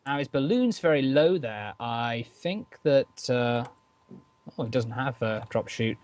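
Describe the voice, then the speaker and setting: A man casting a live online game, often hesitating and restarting, getting excited at the action. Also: medium pitch, measured pace, dry recording. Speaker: esports caster.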